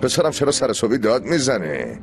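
A man's voice: mid-range voice, huge pitch swings, creaky. An actor playing a self-assured, taunting man in a dubbed TV drama. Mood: smug. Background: music.

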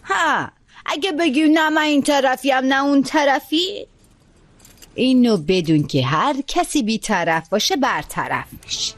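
A woman's voice: sits high, lively intonation, no echo. A woman dubbing a scheming, spiteful woman in a television drama, speaking in a mocking, taunting way.

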